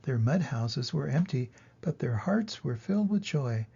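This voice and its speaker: Older male storyteller, grandpa voice: gravelly, warm dark tone, expressive children's book reading. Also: mid-range voice, unhurried, muffled recording. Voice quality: gravelly, husky. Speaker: storybook reader. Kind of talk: children's storybook narration, read aloud.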